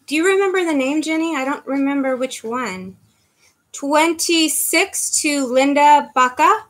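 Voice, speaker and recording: The audio is poor, but her high, animated voice comes through at an unhurried pace. In her fifties, she hosts a live-stream handbag auction indoors in her living room, talking to a webcam in front of her, calling bids chattily and naming viewers as she thanks them.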